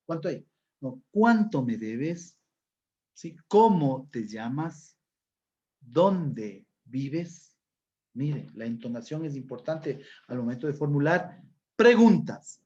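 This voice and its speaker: A man teaching a school lesson on punctuation, explaining slowly and repeating points with frequent tag questions. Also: fairly high pitch, a little mellow. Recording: dull lo-fi recording.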